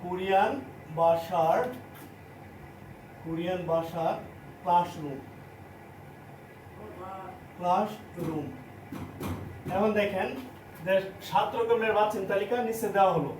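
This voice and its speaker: A high-voiced man with a Bangladeshi Bengali accent teaches a class, drilling each point by repeating it slowly. He sounds roomy and set back from the mic, with a faint hum of the surroundings behind him. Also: steady tone, a little mellow. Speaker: language teacher. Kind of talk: classroom lesson. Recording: echoey room, mic at a distance.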